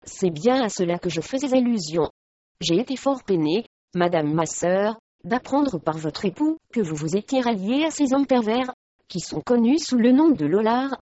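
A woman reading the part of a grave, haughty abbess who speaks in a monotone, in a slightly dull recording. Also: medium pitch, normal speed, no room sound, close to an everyday voice.

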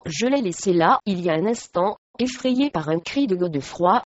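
A woman reading the part of a young noble wife who answers calmly and firmly, in a slightly dull recording. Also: fairly low pitch, moderate pace, no room sound. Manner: gentle but firm.

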